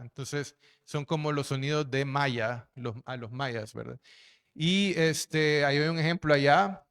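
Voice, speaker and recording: A man's voice: medium pitch, a bit bright, smooth. A man giving a lecture as a linguist, explaining slides with frequent fillers and tag questions. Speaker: linguist and researcher giving a talk.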